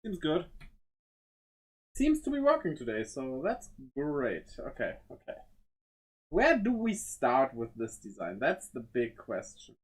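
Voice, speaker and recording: A streamer giving casual think-aloud commentary while drawing, muttering to themself and weighing small choices out loud. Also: medium pitch, huge pitch swings, a little slow, slightly rough, low-quality recording. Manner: greets viewers playfully.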